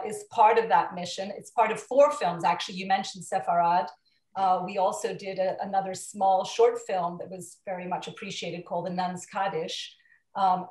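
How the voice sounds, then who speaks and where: A woman from Portugal speaks as a guest on a video call, in a middle-pitched voice. Her answers come with frequent hesitations and restarts as she gathers her thoughts. The room around her echoes noticeably. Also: a little mellow, distant mic. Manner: hesitant, many fillers and restarts. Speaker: guest producer.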